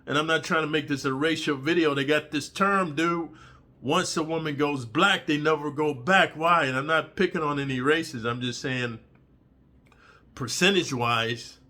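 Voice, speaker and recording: A man telling a story in a crude, rambling casual monologue, full of "dude" and "bro", now and then jumping into high squeaky voices for the people he quotes. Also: normal speed, sharp tone.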